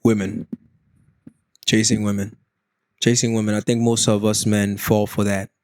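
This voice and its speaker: A man talking on a podcast in a loose, casual chat. He is an animated storyteller who laughs often. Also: fairly low pitch, moderate pace, dry recording, clean studio sound. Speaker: podcast guest.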